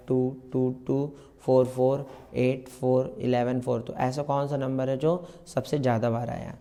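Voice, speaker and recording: A man's voice: medium pitch, vocal fry, dark tone. A man teaching a step-by-step math lesson, mixing in terms and asking and answering his own questions. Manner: explains slowly, repeats steps, asks and answers own questions.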